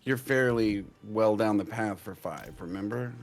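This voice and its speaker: A man's voice: lowish voice, a little slow. A man chatting casually with a friend during a game, rambling and loose in his talk. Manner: rambling, loose, laughs easily. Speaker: co-player guest. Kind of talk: casual gaming chat.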